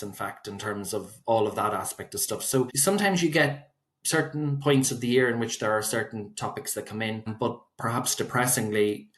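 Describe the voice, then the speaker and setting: Lowish-voiced Irish man explaining. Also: fairly bright tone. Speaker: solicitor, guest expert. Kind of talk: conversational interview answers.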